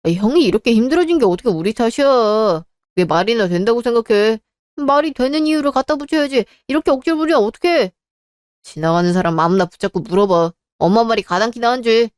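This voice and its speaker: An indignant younger husband who fires back argument after argument in an exasperated tone, voiced by a woman reading a dramatized story. The voice is smooth and clear, a bit raised in pitch, and recorded dry and close. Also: lively intonation, quick pace, a little mellow, dry recording, close to an everyday voice. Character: indignant younger married man standing up to family.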